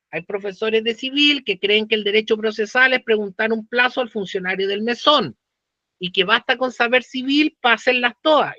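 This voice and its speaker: A Chilean law professor lectures in a high, very bright voice, tossing slang and rhetorical questions at his students. The sound is dry and close, with a dull, lo-fi tone to the recording. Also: dry recording.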